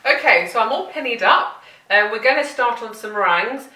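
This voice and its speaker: A woman's voice: fairly high pitch, animated, a little fast, sharp tone. A woman presenting a cooking demonstration, chatty and playful, talking to the food as she goes. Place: home kitchen. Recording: roomy kitchen, mic at a distance.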